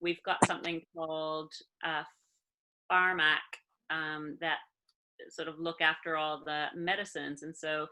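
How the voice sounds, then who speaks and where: A woman's voice: sits low, flat delivery, measured pace, bright, forceful tone, low-quality recording. A woman with a Maritime Canadian accent, chatting casually as an interview guest. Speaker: interview guest, emergency doctor and musician.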